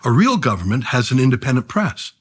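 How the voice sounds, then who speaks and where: Husky, lively-voiced man making his case. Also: medium pitch, fairly quick. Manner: punchy, argumentative, enumerates points. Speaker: guest, journalist. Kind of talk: podcast conversation.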